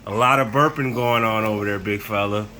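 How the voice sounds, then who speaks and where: A woman's voice: a bass voice, a little fast, pushed and bright. A woman chatting casually and playfully as she hosts a kids' challenge, teasing and encouraging, on a noisy home video. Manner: teasing, encouraging banter with children. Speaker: adult filming and hosting a kids' drink challenge.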